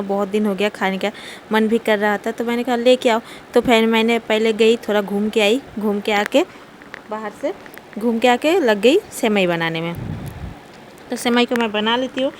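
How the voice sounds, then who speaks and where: A woman's voice: a little high, a little hiss or hum. A young woman, talking through her day and cooking in a casual home vlog, chatty and often laughing. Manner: chatty, laughs while telling. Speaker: vlogger. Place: home kitchen.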